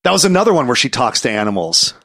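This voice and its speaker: A man's voice: medium pitch, very animated, quick pace, vocal fry, bright, forceful tone, no room sound, studio quality. A man co-hosting a movie podcast, joking around and riffing on the film. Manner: jokey, riffs in silly mock voices. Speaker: podcast co-host. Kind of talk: casual movie-review banter.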